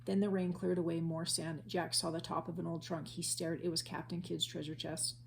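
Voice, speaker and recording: A woman reading a children's chapter book aloud in a steady storytelling voice. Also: fairly low pitch, a little fast, vocal fry, slight background noise.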